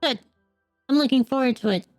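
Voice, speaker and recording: A man voicing a playful, teasing young woman in a high falsetto while reading game dialogue aloud. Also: a little fast, no room sound, soft background music.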